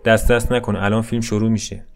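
A man's voice: lowish voice, flat delivery, gravelly, faint music behind. A man voicing a brusque, impatient bus driver who talks curtly and dismissively. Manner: curt, dismissive.

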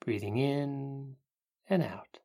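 A meditation guide speaking gently and unhurriedly, with long pauses between soothing instructions. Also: mid-range voice. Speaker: meditation guide, podcast host.

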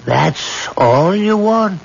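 An actor playing a very old dying mystic who speaks slowly and portentously in an old-time radio drama. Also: male voice, high-pitched, animated, vocal fry, heavily acted. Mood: insistent, prophetic. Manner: slow, solemn, portentous. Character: very old dying mystic man, solemn and commanding. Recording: muffled, noisy old radio recording.

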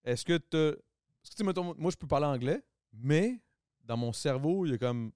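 A man's voice: on the high side, lively intonation, moderate pace, darkish tone, no room sound, clean studio sound. A man hosting a casual podcast, slangy and sweary, mixing in English words. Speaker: podcast host.

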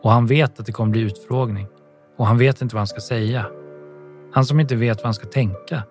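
A man narrating an audiobook in a calm, even storytelling manner. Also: mid-range voice, soft background music.

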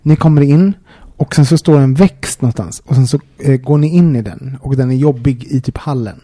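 A young man on a casual chat podcast who tells animated, self-mocking stories, often restarting his sentences. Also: medium pitch.

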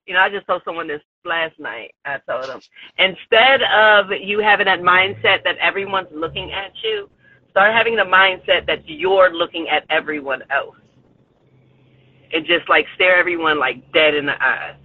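Calling from his car on the street, this podcast guest, a man in his forties, keeps the casual conversation upbeat and encouraging and laughs often. He has a high-pitched, somewhat breathy voice and speaks at a moderate pace, heard over a tinny phone line with light road noise.

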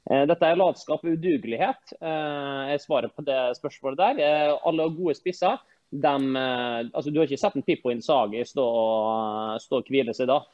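A man's voice: mid-range voice, darkish tone, no room sound. A man who coaches football, talking on a podcast in a hesitant way full of filler sounds but with blunt verdicts. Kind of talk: casual podcast chat. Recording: dull, slightly muffled, dry sound.

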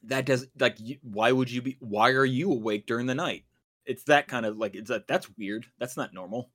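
A podcast co-host rambles casually at a moderate pace, his medium-pitched voice a bit bright. He chats with plenty of fillers and restarts.

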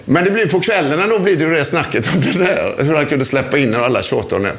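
An older former footballer reminisces about an old match in a chatty anecdote, often laughing mid-sentence. His fairly high, fairly bright voice carries lively intonation.

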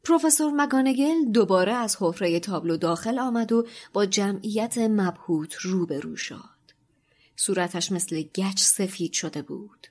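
A woman narrating a novel aloud in an expressive storytelling read. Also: mid-range voice. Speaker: reader and podcast co-host. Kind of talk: audiobook narration.

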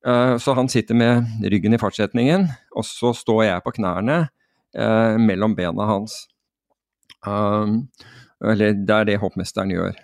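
Man, from Norway, gravelly, low voice, dry studio sound, animated anecdote. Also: no echo. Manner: animated, many restarts and fillers. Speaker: podcast guest telling a skydiving story. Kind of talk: casual storytelling.

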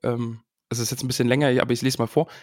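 Guy on a book podcast, average pitch, dry close sound, excited, reads bits out loud. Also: racing, no echo. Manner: enthusiastic, reads passages aloud with feeling. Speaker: podcast co-host. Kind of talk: casual book discussion podcast.

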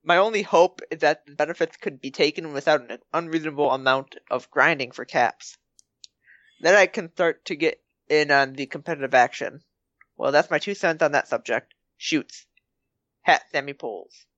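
A man with a somewhat higher voice giving casual commentary on a podcast. His audio sounds muffled and lo-fi, and very dry with no room sound. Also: moderate pace, a bit bright, dry recording.

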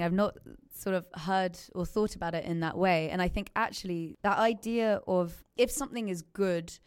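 A woman hosting a podcast interview, talking in a thoughtful, measured way. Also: fairly low pitch, clean tone. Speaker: podcast host. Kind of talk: casual interview chat.

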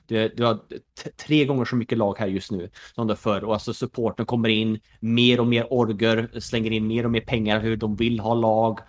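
Lowish and fairly flat in pitch, this man barely pauses as he talks. He's a Swede in his thirties who went from pro gaming to esports management, speaking casually on a podcast full of fillers and "you know" asides.

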